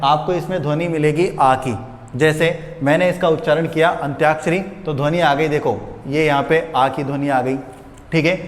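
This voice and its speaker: Male teacher in an echoey room. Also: fairly high pitch. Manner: patient, repeats each rule slowly, asks questions and answers them himself. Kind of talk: exam-prep grammar lesson. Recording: echoey room with long reverb.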